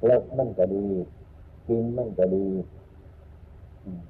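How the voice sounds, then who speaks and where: A man with an Isan accent giving an unhurried Buddhist dharma talk as a monk, repeating his points and humming between phrases. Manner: unhurried, repetitive teaching with frequent hums. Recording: tinny phone-like lo-fi sound with faint noise.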